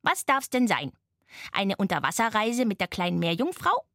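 A woman's voice: mid-range voice, very animated, normal speed, a bit bright, no echo, studio quality. A woman voicing a chirpy plastic toy duck who works as a clerk and keeps adding a clacking sound. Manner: adds a clacking "knack, knack".

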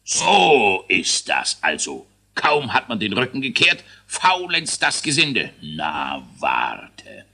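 A man's voice: fairly low pitch, wildly swooping pitch, slow pace, vocal fry, hardly any pauses, sharp tone, heavily acted. A man voicing a grumpy, short-tempered dwarf king who grumbles and blusters. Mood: grumbling.

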